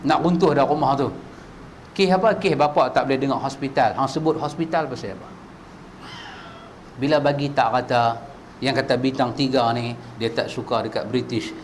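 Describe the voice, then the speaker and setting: A male preacher, giving a religious lecture full of rhetorical questions that climb from low asides to high shouted peaks. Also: moderate pace, slight background noise. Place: mosque prayer hall.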